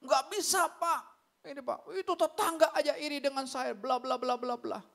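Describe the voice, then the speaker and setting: A man's voice: very high voice, moderate pace, vocal fry, a bit bright, full character voice. A man voicing a churchgoer who grumbles about his neighbor and then turns overly polite to the pastor. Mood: grumbling.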